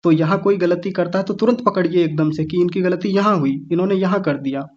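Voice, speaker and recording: A man with a high, slightly mellow voice, recorded with dull audio, teaches Sanskrit recitation in an online class. He patiently and slowly sounds out words one syllable at a time for his students.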